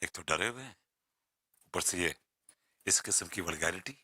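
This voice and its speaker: An actor playing a scared, prim man who grumbles low and dry. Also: animated, moderate pace, very noisy. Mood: disapproving. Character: scared, prim man counting feet in bed. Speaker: frightened neighbour in a TV sitcom. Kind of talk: sitcom acting.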